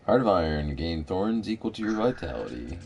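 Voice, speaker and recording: A man's voice: low-pitched, big pitch swings, a little fast, over music. A man chatting casually while gaming in a laid-back way, reading item stats aloud. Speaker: gamer. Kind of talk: casual gameplay chat.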